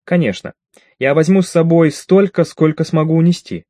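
A man's voice: fairly high pitch, moderate pace, warm tone, dry recording, pitched above the performer's own voice, natural voice. Prim female alien in an audiobook, read by a man in his plain voice: formal, exact, a touch haughty, dry close sound.

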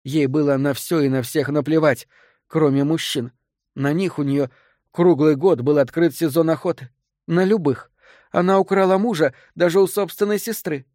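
A man reading an audiobook, voicing a deranged grieving woman who confesses to a killing, hoarse with rage and near sobbing. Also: fairly even intonation, moderate pace, a little mellow, no echo, studio quality, natural voice. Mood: spiteful. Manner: shrill, vengeful outbursts.

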